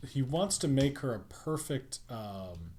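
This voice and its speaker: A man's voice: medium pitch, big pitch swings, slow, darkish tone, a little hiss or hum. A man chatting casually on a podcast, rambling with lots of ums and restarts. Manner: rambling, many fillers. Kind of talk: casual chat.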